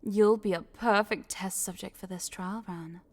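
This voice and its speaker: A voice actor plays a scheming female corporate boss in an intimate audio roleplay, addressing the listener directly in a medium-pitched voice close to her everyday one. Smug and controlling, she speaks a little slowly in a steady, slightly mellow, businesslike tone that turns teasing and condescending as she coaxes.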